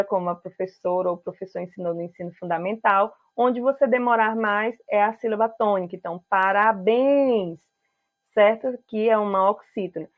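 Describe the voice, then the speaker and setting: A woman with a Brazilian Portuguese accent teaching a grammar lesson on video, explaining step by step and often checking in with her viewers. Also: medium pitch. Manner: didactic, keeps checking in with "certo?". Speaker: writing teacher. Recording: tinny phone-like sound.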